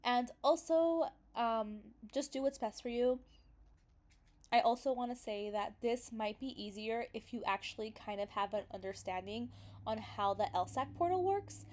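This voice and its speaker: Young woman with a cold, chatty and higher. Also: normal speed, darkish tone. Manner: chatty, hesitant, lots of fillers. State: recovering from illness, sniffly. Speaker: vlogger explaining law school admissions. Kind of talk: casual screen-recorded tutorial.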